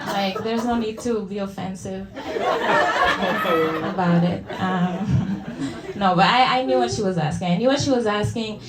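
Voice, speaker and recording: A woman's voice: mid-range voice, unhurried, very noisy. A young woman from El Salvador with a Salvadoran Spanish accent, performing a stand-up set in a hesitant, self-deprecating way with many fillers and restarts. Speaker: stand-up comedian. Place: comedy venue with live audience. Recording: echoey room, audience laughter.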